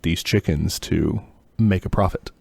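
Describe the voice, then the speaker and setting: A man's voice: sits low, measured pace, vocal fry, no echo. A man co-hosting a podcast, tired today, chatting casually and laughing often. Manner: laughs often, relaxed and musing. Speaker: podcast co-host. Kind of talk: casual chat.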